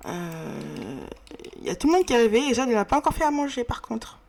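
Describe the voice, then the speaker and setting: A woman's voice: fairly high pitch, big pitch swings, fast talker, creaky, a little mellow. A woman casually narrating a life-simulation playthrough in a slangy, chatty way with many fillers. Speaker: game narrator. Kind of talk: casual let's-play narration.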